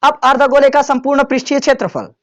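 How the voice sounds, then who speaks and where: A man's voice: extremely high pitch, fast, fairly bright tone. A man teaching a maths lesson to students in a classroom, in a casual way, often checking whether they have understood.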